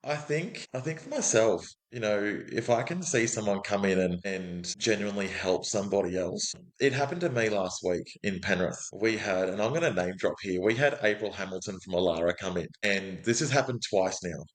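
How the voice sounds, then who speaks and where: Deep-voiced Australian man, chatty. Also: lively intonation, normal speed, hardly any pauses, poor audio. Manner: chatty, outgoing, frequent restarts and acted quotes. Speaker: guest, business development manager. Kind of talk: casual podcast interview.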